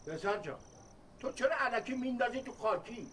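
A stern bright-voiced old elder. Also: male voice, very high voice, animated, slight background noise. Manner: lecturing, calls others "son". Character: stern old village elder, anxious about war.

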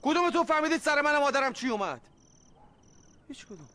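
A man's voice: sits high, sing-song, heavy background noise. An actor playing an angry young man demanding the truth about his father, pleading and bursting out, in a radio drama.

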